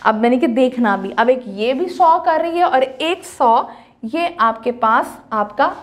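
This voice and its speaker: A woman teaching an English grammar lesson in Hindi, explaining step by step and slowly drawing out each example word. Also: high voice, animated.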